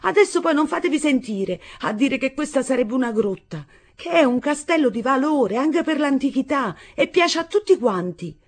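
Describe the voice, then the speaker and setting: A woman reading an audiobook voices a proud young wife with an excited, eager delivery. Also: normal speed, hardly any pauses. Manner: excited, high and bright.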